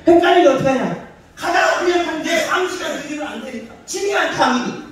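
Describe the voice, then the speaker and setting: A male pastor preaches a sermon in a church sanctuary, asking the congregation questions and answering them himself. His voice is extremely high, a bit bright, fairly quick and lively in intonation. The hall is echoey and the mic is far away.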